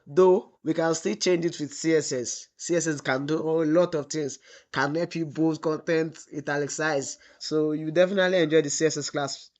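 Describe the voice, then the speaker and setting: In this screen-recorded web development tutorial, the instructor poses "what?" to the class, then supplies the answer, drawling the example text while typing. He speaks at a moderate pace in a slightly high, somewhat mellow voice with fairly even intonation.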